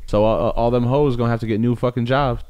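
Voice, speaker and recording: A man's voice: medium pitch, steady tone, quick pace, darkish tone, clear, resonant tone, muffled recording. A young man co-hosting a podcast, crude and rambling as he teases in casual chat. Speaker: podcast co-host.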